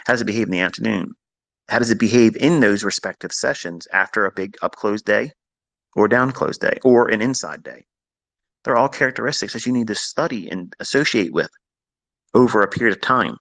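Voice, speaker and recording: A man hosting a live audio room, lecturing traders in a blunt, scolding way and slowing down to stress points. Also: lowish voice, creaky, a bit bright, no room sound. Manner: blunt, scolding, slows down for emphasis. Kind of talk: lecturing monologue. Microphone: remote audio call.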